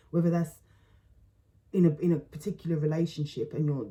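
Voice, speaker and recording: Thinking aloud in a laid-back tarot reading, this reader speaks in broken-up phrases and keeps repeating words. She remarks that her voice is feeling low today.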